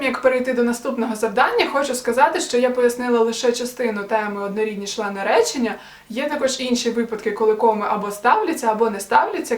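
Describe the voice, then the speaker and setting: A woman's voice: on the high side, far from the mic. A young woman explaining grammar step by step to viewers, patient and methodical, as a tutor preparing students for an exam. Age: young adult. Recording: echoey room, voice off-mic.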